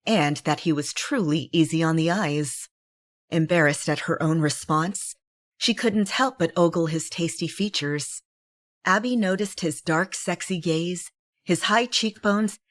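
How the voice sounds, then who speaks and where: A woman giving a steady, expressive scripted reading of a romance novel. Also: on the low side, no room sound, studio quality. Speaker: audiobook narrator.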